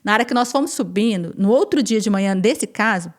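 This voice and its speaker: A woman guest on a podcast, telling her personal testimony in an animated way, repeating phrases and acting out what others said. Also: mid-range voice, brisk. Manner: animated, repeats phrases and acts out quoted speech.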